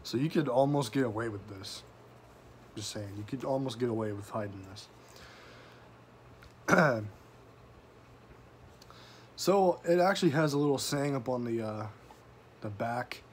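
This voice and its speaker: A man's voice: medium pitch, slight background noise. A man giving a casual, sweary, folksy review to camera, talking with a tobacco pouch tucked in his lip. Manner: casual, profanity-laden, folksy slang. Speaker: product reviewer.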